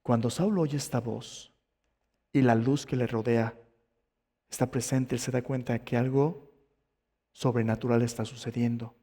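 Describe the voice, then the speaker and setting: A man's voice: medium pitch, fairly even intonation, normal speed, long pauses, warm tone, long reverb tail. A male pastor preaching a sermon, telling the story dramatically and asking the congregation questions. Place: church sanctuary.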